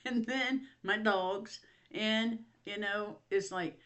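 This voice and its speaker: An older woman hosts a casual home vlog. She rambles from one story to the next in a mid-pitched voice and keeps laughing at herself. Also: takes it slowly, a bit bright. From Ohio. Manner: rambling, chatty, laughs often, self-mocking. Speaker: vlog host. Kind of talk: casual chat to camera.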